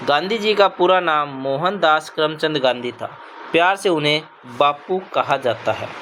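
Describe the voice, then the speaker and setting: A man's voice: a little high, fairly bright tone, slight background noise. Patient male teacher reading a children's lesson. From Punjab. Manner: patient, repeats "ठीक है बच्चों" often. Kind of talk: classroom lesson narration for children.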